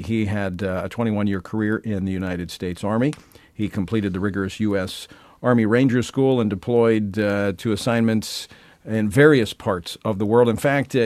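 A man from Louisiana hosting a talk radio show, chatting with many fillers and swinging between loud and soft delivery. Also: on the low side, dry recording.

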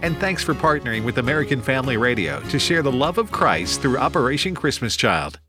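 A man's voice: mid-range voice, expressive, brisk, music in the background. A man reading a scripted charity promo for radio in an inviting way.

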